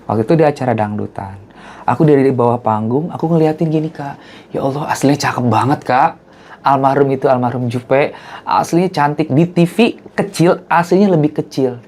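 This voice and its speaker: A man, speaking as an interview guest. He talks in a loose, chatty way and tells stories. When he repeats what others said, he acts it out in a high voice. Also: fairly quick, a little mellow. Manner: chatty storyteller who acts out quotes in a high voice. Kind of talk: casual chat.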